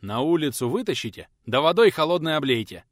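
A man voicing a stern, gruff elderly male teacher who scolds and gives orders but is kind at heart. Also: mid-range voice, big pitch swings, moderate pace, dry recording, clean studio sound, close to an everyday voice. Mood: commanding. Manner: gruff, commanding.

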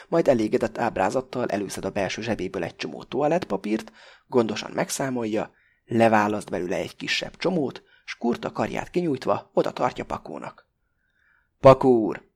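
A man's voice: medium pitch, husky. Man reading an audiobook aloud. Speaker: audiobook narrator. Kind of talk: scripted narration.

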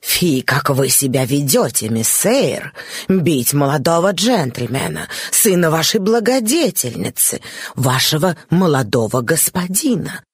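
A woman's voice: sits low, very animated, measured pace, breathy edge, dry recording, clean studio sound, pitched below the performer's own voice, full character voice. A woman reading a story aloud, voicing a prim, stern servant woman who scolds a child. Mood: scolding.

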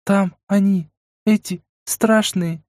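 A man's voice: sits high, fairly even intonation, a little fast, warm tone, no echo, studio quality, voice pushed up, natural voice. A man reading an audiobook, voicing a frightened, tearful young woman captive who pleads in a tremulous, whimpering way. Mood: frightened, hurried. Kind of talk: audiobook character voice.

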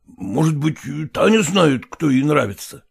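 A man voicing an agitated, domineering father who demands and shouts, in an audiobook reading. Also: fairly high pitch, big pitch swings, measured pace, creaky, slightly rough, exaggerated voice. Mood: demanding. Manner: blustering, demanding.

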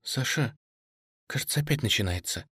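A man's voice: mid-range voice, lively intonation, normal speed, bright, forceful tone, breathy edge, dry recording, clean studio sound, exaggerated voice. A man voicing a frightened, tearful young woman who pleads in a trembling voice, in an audiobook reading. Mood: anxious.

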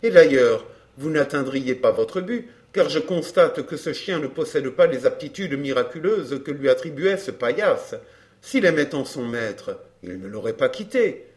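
A man reading a calm young gentleman in an audiobook, explaining in a measured way. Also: medium pitch, lightly acted.

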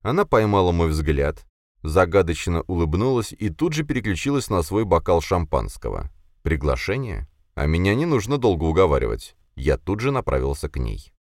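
Deep expressive male audiobook narrator. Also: moderate pace, no room sound, studio quality. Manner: expressive, acts out dialogue.

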